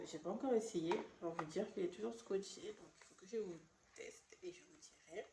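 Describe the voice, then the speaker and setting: A woman's voice: medium pitch, mellow. A woman who is a beauty vlogger and makeup artist, chatting casually through a product haul with a French accent, hesitating and stumbling over product names. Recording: echoey room, faint background noise.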